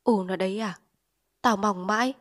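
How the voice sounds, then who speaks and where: A woman's voice: medium pitch, normal speed, natural voice. A woman voicing a poor, grieving peasant husband who talks bluntly in plain country speech, weary and urgent, in a storybook reading.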